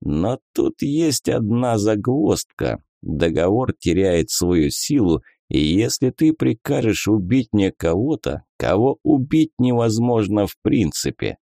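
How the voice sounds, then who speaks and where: A man voicing a hooded, grumpy male spirit of the dead in a storybook, hoarse, gruff and dismissive. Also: fairly low pitch, sing-song, slow pace, few pauses, mellow, no room sound, studio quality, exaggerated voice. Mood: condescending. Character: hooded male death-spirit guide, grumpy, world-weary.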